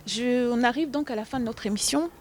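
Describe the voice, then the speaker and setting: A woman hosting an interview, asking questions in a measured, formal way. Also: fairly high pitch, slight background noise. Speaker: interviewer, host.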